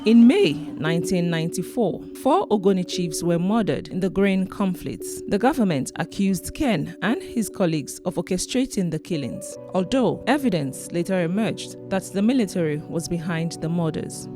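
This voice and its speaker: A woman reads scripted documentary narration in a solemn, clear way, her pitch moving a lot. Soft music plays underneath. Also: animated, moderate pace, few pauses.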